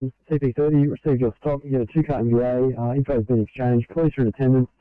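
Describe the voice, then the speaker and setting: A man's voice: medium pitch, fairly even intonation, fast, no room sound, narrow, tinny audio. A man with an Australian accent working as an emergency radio dispatcher, heard over a two-way radio and speaking in clipped, procedural codes. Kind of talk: radio call.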